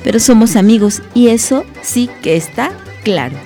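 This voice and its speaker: A woman voicing an excitable young female fruit bat in a storybook reading, with a squeaky, eager voice. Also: normal speed, over loud music. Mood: excited. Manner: squeaky, wide-eyed, eager.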